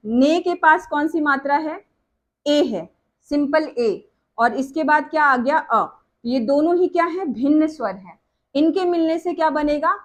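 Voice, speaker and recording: A woman teaching a grammar lesson, asking questions and answering them herself, repeating each example word. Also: high voice.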